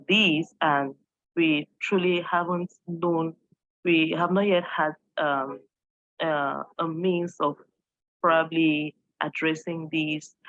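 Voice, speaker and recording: An English teacher from Cameroon gives an earnest online presentation, asking her audience questions and using many fillers. Her voice is low, and the recording sounds dry and muffled.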